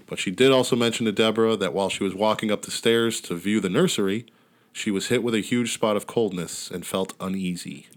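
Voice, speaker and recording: Laid-back low-voiced man telling a story. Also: brisk. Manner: laid-back, wry, swears casually. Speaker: podcast host. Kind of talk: casual storytelling chat. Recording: outdoor neighborhood ambience behind.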